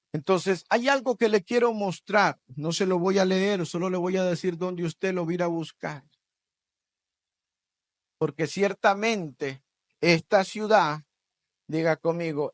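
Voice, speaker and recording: A man preaching a sermon, swinging from loud bursts to hushed asides and leading the congregation in repeating phrases. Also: high-pitched, a little slow, no echo. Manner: leads the congregation in call-and-repeat. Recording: dry radio broadcast.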